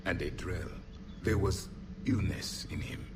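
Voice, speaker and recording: An actor playing a stern, ancient male alien warrior in a video game, with a formal, cold, measured way of speaking, heard through fuzzy distortion from a faulty recorder. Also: sits low. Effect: fuzzy distorted game audio capture. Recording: loud fuzz and noise from a faulty recorder.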